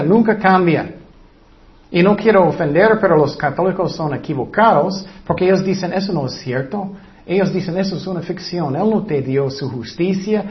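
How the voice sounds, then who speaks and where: A man preaching a sermon in an expressive way, acting out voices in his stories, with slightly non-native phrasing. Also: high voice. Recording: dull lo-fi sound.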